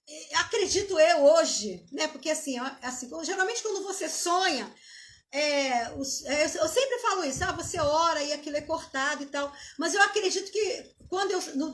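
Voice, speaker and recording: A middle-aged Brazilian woman pastor giving an emotional live-streamed testimony, halting, with many restarts and tag questions. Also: very high voice. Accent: Brazilian Portuguese.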